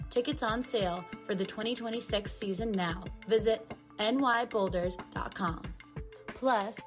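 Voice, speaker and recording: A woman reads a list of sponsors in a smooth, scripted way, her voice mid-pitched. Clear music plays behind her. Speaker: sponsor announcer. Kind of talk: scripted ad read.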